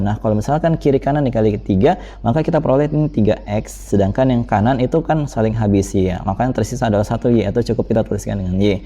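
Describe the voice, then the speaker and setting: Brisk, dark-voiced male math tutor. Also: medium pitch. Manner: brisk, repeats fillers. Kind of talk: explaining math problems. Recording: dull lo-fi voice recording.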